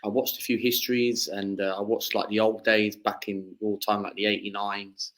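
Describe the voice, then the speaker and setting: Heard on a rough recording, this twenty-something man from southeast England talks football as a podcast guest. His lowish, fairly bright voice comes out flat at a normal speed, and his casual chat wanders with many fillers and restarts.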